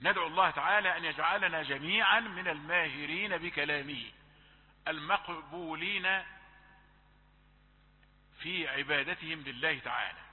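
A man teaching Quran recitation rules, slowly drawing out letters and correcting mistakes. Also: fairly high pitch. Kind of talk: tajweed lesson with recited examples. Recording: tinny phone-like audio with long reverb.

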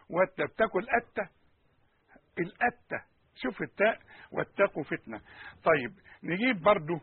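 A man with an Egyptian Arabic accent teaching Quranic pronunciation, repeating sounds and questioning his listeners in an animated way. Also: high voice, slightly rough, no room sound, phone-quality sound.

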